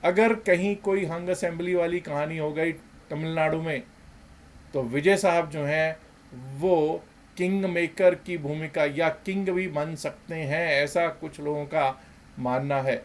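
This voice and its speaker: Man, fairly high voice, market commentary host, animated, loud then soft. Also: unhurried. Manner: animated, rhetorical questions, swings between loud and soft. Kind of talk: emphatic commentary.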